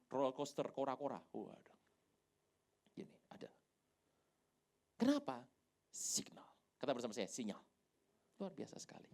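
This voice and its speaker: A woman pastor with an Indonesian accent giving a lively sermon in a large church, acting out Bible scenes with whispers and sudden shouts. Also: medium pitch. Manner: animated storytelling, quick voice changes, whispers and shouts.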